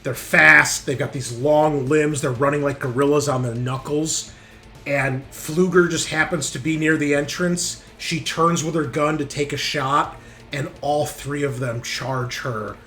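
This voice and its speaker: Behind this game master's casual, sweary narration and thinking aloud runs game background music. His voice is a little high and bright, with a steady, forceful tone and a slightly slow pace.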